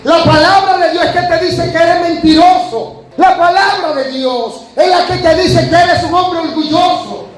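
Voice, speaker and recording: A male pastor preaching a sermon, rising to shouted emphasis and then dropping low. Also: fairly even intonation, normal speed. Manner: preaching with sudden shouted emphasis and sharp drops. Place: church hall. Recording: echoey church hall, faint noise.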